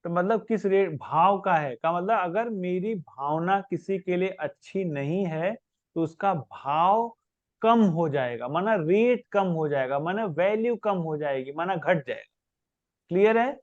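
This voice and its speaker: A spiritual teacher with a high voice and lively intonation leads a question-and-answer class, explaining patiently with everyday examples. He speaks a little slowly, and the recording is dry and dull with no room sound.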